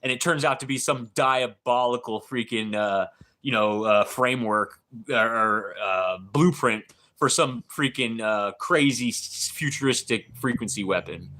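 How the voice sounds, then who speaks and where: A man livestreaming in a casual, rambling way, excitable and swearing often, with lots of dude and bro. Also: medium pitch. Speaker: live streamer.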